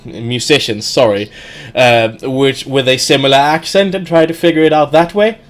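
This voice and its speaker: A man's voice: mid-range voice, normal speed. A man playing a tabletop role-play game, talking casually and correcting himself as he goes. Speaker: player.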